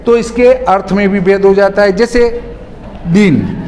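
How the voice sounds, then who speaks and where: A man teaching a grammar lesson, slow and deliberate, drawing out single words and repeating key terms. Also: sits high, steady tone, a little mellow. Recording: hall reverb with faint noise.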